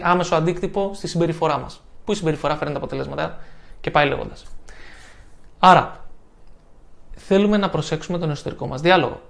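A young man, a self-improvement coach, giving an energetic motivational talk and acting out his examples by changing his tone and loudness. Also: sits high.

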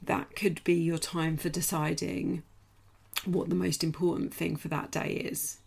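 Croaky British woman coaching her group. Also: lowish voice, flat delivery, a little slow, darkish tone. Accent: British English. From United Kingdom. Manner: direct and encouraging, checks in with "okay?". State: croaky, clearing her throat. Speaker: coach leading a group challenge. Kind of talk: casual live coaching talk.

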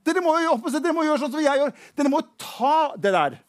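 A man putting on a brave, eager shepherd boy in a told Bible story. The voice sits high and pushes out fast, urgent words, often stumbling over repeats in its hurry. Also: close to an everyday voice. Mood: urgent, indignant. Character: young shepherd boy David, bold and eager.

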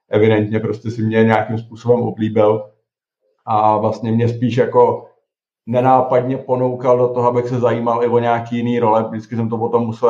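A middle-aged man answers interview questions in a loose, halting way, full of fillers and restarted phrases. His delivery stays flat with little rise and fall. The recording is muffled and echoes around the room. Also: on the low side. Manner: hesitant, many fillers and restarts. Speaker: tech executive guest. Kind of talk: casual interview talk. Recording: dull, roomy recording.

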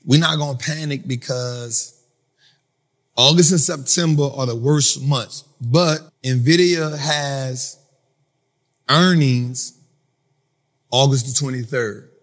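A man hosting a finance talk for a live audience, in a casual, animated storytelling style that acts out other people. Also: mid-range voice, slow, long pauses, in a large hall. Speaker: finance speaker and host. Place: event venue with an audience.

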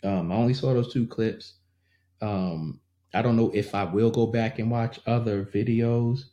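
A man's voice: lowish voice, steady tone, unhurried, dark tone, highs cut off. Indignant man ranting in an echoey room. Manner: earnest, indignant, repeats himself. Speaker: vlogger. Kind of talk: casual commentary to camera.

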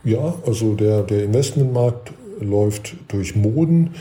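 A man, a guest expert, explaining investing in a measured way, with many fillers and restarts. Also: on the low side, lively intonation, mellow. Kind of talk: explanatory podcast talk.

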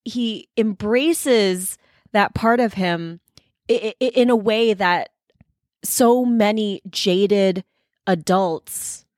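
A woman co-hosting a casual movie podcast, rambling and halting, stammering as she thinks aloud. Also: mid-range voice, darkish tone, dry recording, studio quality. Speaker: podcast co-host.

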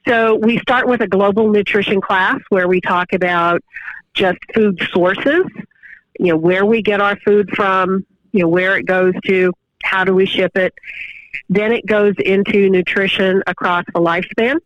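A woman professor answering interview questions over the phone, explaining at length with pauses and fillers. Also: medium pitch, fairly even intonation, dry recording. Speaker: guest professor of exercise science. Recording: dull, muffled phone line.

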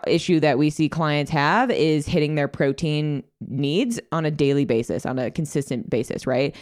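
A young woman with a low-pitched voice co-hosts a fitness podcast. She talks casually and easily, with plenty of fillers. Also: a little mellow. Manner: chatty, lots of fillers like "like" and "um". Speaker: podcast co-host, fitness coach. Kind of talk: casual chat.

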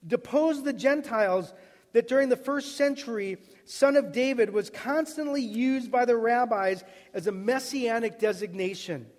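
A man preaching a sermon as a pastor, emphatic and repetitive, swinging between loud cries and soft, hushed lines. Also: very high voice, normal speed. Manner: emphatic, repeats words, builds to loud cries then drops soft. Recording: long reverb of a hall.

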